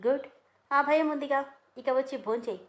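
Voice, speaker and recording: A man's voice: very high voice, moderate pace, a bit bright, voice pushed up. A woman reading the part of a firm, possessive young man who speaks sternly but with care. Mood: commanding. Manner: stern, commanding.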